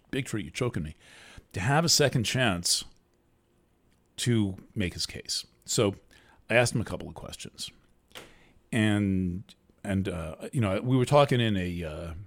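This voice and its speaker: A man hosting a show, talking through a monologue in a deliberately soft, earnest way. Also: fairly low pitch. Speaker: host. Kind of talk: monologue commentary.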